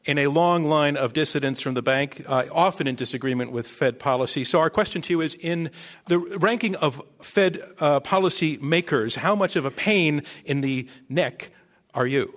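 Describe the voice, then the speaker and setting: A man's voice: on the high side, moderate pace, fairly bright tone. A man hosting a live debate on stage as moderator, introducing and questioning guests, with an audience behind him.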